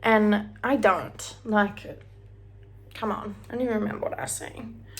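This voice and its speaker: A young Australian beauty vlogger rambles through a casual get-ready-with-me chat as she does her hair and makeup at home, now and then singing bits of songs or dropping to a whisper. Her mid-range voice is creaky, with fairly even intonation and a measured pace. A little hiss or hum sits under the audio.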